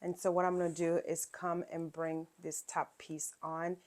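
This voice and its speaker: A woman's voice: on the low side, level tone, moderate pace, a little mellow, a little hiss or hum. A woman hosting a quilting channel, casually talking through each sewing step, with frequent fillers and check-ins. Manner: chatty step-by-step explaining with fillers.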